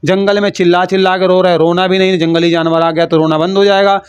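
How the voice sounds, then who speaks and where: A man's voice: high-pitched, level tone, fast talker, clear, resonant tone, no echo. A man teaching a lesson for an exam, explaining in a playful, teasing way and calling the students "beta".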